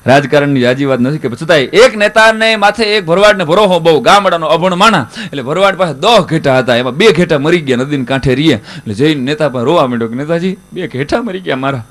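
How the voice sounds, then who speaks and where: A man's voice: on the high side, fast talker. A man, a folk stage comedian telling jokes and putting on voices for the characters. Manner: lively joke-telling that switches into voices for the characters. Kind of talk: stand-up folk comedy storytelling.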